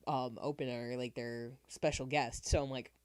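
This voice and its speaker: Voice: medium pitch, fairly even intonation, moderate pace. A podcast co-host talking in casual, conversational chat.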